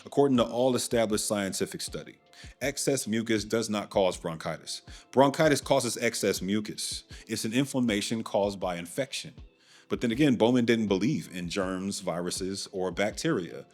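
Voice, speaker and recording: A man's voice: on the low side, normal speed, soft background music. A man hosting and narrating a documentary in a scripted way, with dry, sardonic asides. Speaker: documentary host.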